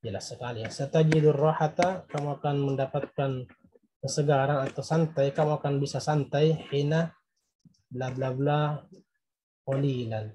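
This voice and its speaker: A man's voice: fairly high pitch, steady tone, moderate pace, mellow. A man giving a recorded Arabic grammar lesson, explaining patiently and translating each word. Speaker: Arabic teacher.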